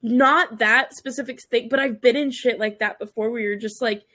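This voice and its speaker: A woman in casual podcast chat, reacting with quick remarks and swearing freely. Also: on the high side, steady tone, sharp tone.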